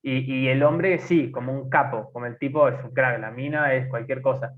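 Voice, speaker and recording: A man in his twenties with an Argentine accent, co-hosting a casual podcast and talking haltingly with many fillers and restarts. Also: medium pitch, steady tone. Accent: Argentine Spanish. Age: 20s. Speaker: podcast co-host. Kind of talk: casual conversation. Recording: tinny phone-like sound.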